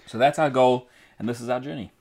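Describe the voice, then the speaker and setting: A man's voice: mid-range voice, steady tone, brisk, a little mellow. A man from South Africa co-hosting an indie film podcast, telling stories in a rambling, casual way. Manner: rambling storyteller. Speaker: podcast co-host. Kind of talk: casual chat.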